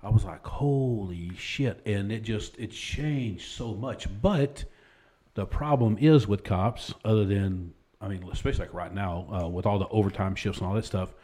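A man's voice: on the low side, moderate pace, dark tone. A man who is a police officer, talking as a podcast guest and earnestly explaining things in casual talk.

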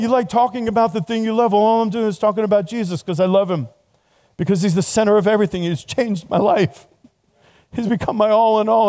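A man's voice: high-pitched, dark tone. A middle-aged man preaching a casual, conversational sermon to students, laughing at himself often.

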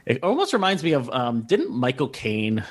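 A man's voice: mid-range voice, moderate pace. A man co-hosting a film podcast, talking in an eager, rambling way with lots of fillers. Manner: enthusiastic, rambling, animated. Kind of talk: casual film discussion.

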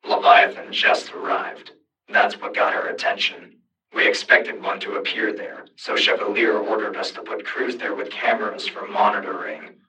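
A man's voice: fairly low pitch, steady tone, moderate pace, sharp tone, distant mic, a little hiss or hum, poor audio. A man voicing a stern, commanding male leader speaking over a radio, clipped and terse. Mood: reporting.

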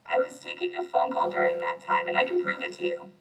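A man's voice: a bass voice, huge pitch swings, fast, creaky, full character voice. A male playing Iron Man, a defensive armored superhero, in a youth audio play, recorded roomy and off the mic. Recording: roomy, distant mic, faint music.

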